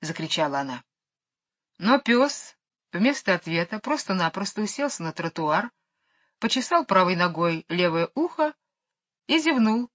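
A woman narrating a children's storybook in a lively, expressive way. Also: on the low side, a little slow, long pauses. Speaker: audiobook reader. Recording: dull lo-fi recording.

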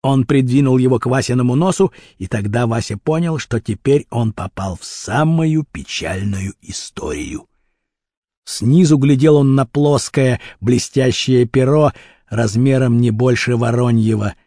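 A man narrating a children's adventure story with expressive, vivid storytelling. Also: mid-range voice, measured pace, dry recording, studio quality. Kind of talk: audiobook reading of a children's adventure novel.

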